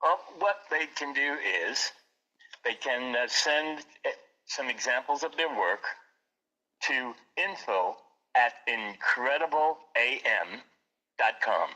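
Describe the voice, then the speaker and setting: Bright-voiced man, earnest gallery owner. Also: medium pitch, slow, highs cut off. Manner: earnest, repeats words as he talks. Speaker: art gallery owner, guest. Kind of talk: casual interview.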